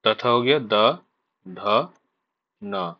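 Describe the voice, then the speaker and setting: A man teaching an exam revision lesson, slowly listing letters one by one. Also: mid-range voice, lively intonation, creaky. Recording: dull lo-fi sound.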